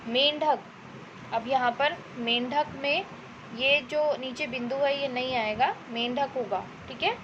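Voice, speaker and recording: A woman teacher patiently explaining a worksheet to children step by step, checking in often and slowing down to dictate example sentences. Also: high-pitched, highs cut off, noisy background. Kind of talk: Hindi worksheet lesson for children.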